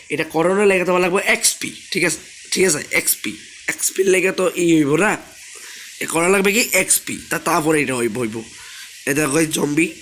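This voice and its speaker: A young man, hoarse from a sore throat, chatting casually as he plays a game and keeps asking viewers to subscribe. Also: fairly high pitch, fairly bright tone, a little hiss or hum. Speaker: gaming channel host. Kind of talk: casual gameplay commentary.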